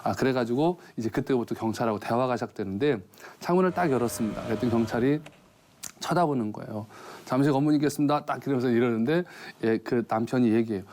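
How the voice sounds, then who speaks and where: A man's voice: mid-range voice, quick pace, darkish tone, slight background noise. A man, a pastor on a TV program, preaching in a chatty storytelling way and asking listeners questions. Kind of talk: TV sermon with a joke story. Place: TV studio.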